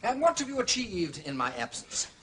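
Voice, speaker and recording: Against a noisy background, an actor plays a jaunty, quick-witted gentleman sleuth in a period detective drama. His high-pitched, very animated voice carries an upper-class English accent and breezy, theatrical phrasing.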